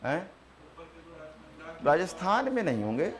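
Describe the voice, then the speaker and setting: A man teaching a geography class, repeating terms slowly for notes and answering his own questions. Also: sits high, big pitch swings. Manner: repeats key terms slowly for students to write.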